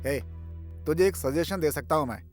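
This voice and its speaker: A man dubbing a scheming, boastful young hustler with a pushy, salesman-like pitch. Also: moderate pace, natural voice. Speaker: Hindi dubbing voice of a film character. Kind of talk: dubbed film dialogue. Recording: dubbed film mix with music. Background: background score music.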